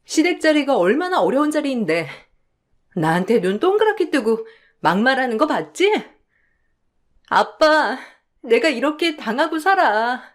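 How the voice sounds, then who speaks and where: Spoiled, sneering young sister-in-law for a radio drama, high and swooping, voiced by a woman. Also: sing-song, a little slow. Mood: whiny. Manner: sneering, bratty.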